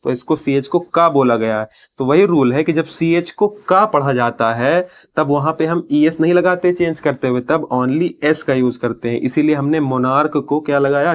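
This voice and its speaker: A man teaching English grammar in a classroom-style lesson. He explains step by step, asks his own questions and answers them, and reads English terms slowly and deliberately. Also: on the high side.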